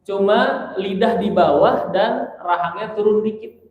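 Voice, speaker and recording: Slow-talking teacher in an echoey mosque. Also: male voice, high voice, muffled recording. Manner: patient, repeats letter sounds to demonstrate. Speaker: Quran teacher. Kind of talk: tajwid lesson with spoken demonstrations. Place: large mosque hall.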